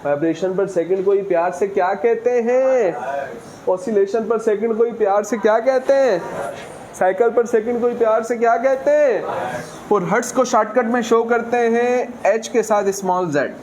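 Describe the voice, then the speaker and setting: A man with a high, darkish voice gives a physics lesson at a moderate pace. In this classroom lecture, he keeps putting questions to his students and then answering them himself.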